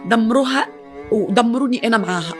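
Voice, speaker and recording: A woman's voice: fairly high pitch, animated, fast, faint music behind. A woman with a Tunisian accent, speaking as a mother in an emotional interview, distraught and pleading. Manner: distraught, pleading, grief-stricken. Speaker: mother of the victim.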